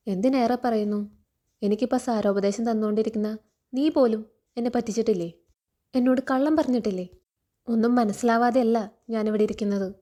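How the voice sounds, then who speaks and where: A woman's voice: fairly high pitch, warm tone, lightly acted. A woman voicing a stern, betrayed middle-aged man who questions a young woman reproachfully, quoted in a story recap.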